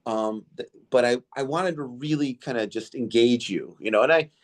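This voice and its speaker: At normal speed and medium pitch, a male podcast host whose first language was Indo-Greek tells stories in a casual interview. He rambles, with plenty of fillers and restarts.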